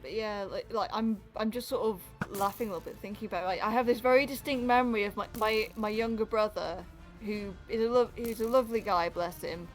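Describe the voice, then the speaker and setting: A British woman who streams games chats casually as she plays, her mid-range voice steady in tone and brisk in pace. She rambles and keeps stammering into fresh restarts. Music plays behind her.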